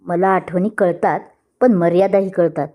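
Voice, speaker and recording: A woman's voice: on the low side, fairly even intonation, moderate pace, dark tone, natural voice. A woman voicing a jealous, hot-tempered young husband in a storybook reading, speaking in a raised, accusing voice. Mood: angry.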